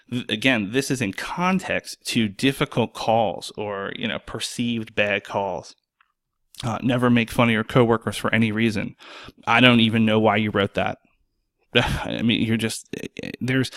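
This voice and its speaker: A man's voice: fairly low pitch, fairly bright tone, no echo, clean studio sound. A man hosting a solo podcast as an EMS worker, speaking bluntly and sarcastically and swearing freely.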